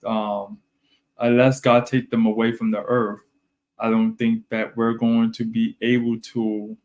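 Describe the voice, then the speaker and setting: A man's voice: medium pitch, little pitch movement, unhurried, darkish tone. Man, podcast co-host, casual chat, rambling, repeats himself, lots of fillers.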